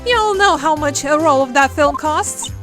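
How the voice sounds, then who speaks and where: Woman putting on a brash, high-pitched Southern gal. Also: lively intonation, normal speed, over music. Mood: scolding, indignant. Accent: put-on US Southern. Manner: folksy, scolding drawl. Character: brash, hot-tempered young Southern country woman photographer.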